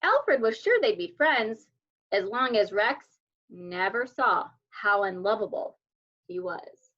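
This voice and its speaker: A woman reading a children's picture book aloud as a storyteller, with expressive, deliberate delivery. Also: mid-range voice. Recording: dull lo-fi sound.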